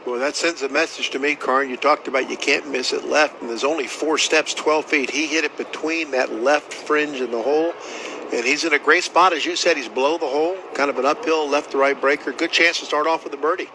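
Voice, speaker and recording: A man's voice: fairly high pitch, steady tone, brisk, noisy background. A man giving live golf commentary and analysis as an analyst on a broadcast.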